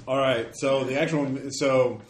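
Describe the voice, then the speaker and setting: A man running a tabletop game as game master, narrating casually in a halting, hesitant way. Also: medium pitch, fairly even intonation. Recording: echoey room, noisy, clicks.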